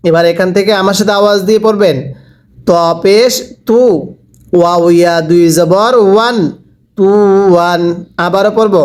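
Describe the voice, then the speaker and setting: High-pitched guy teaching quran reading, spells out every letter slow and repeats it, tells you to read along. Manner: slow, drawn-out spelling of each letter and vowel; repeats and urges viewers to read along aloud. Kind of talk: spelling-out recitation lesson.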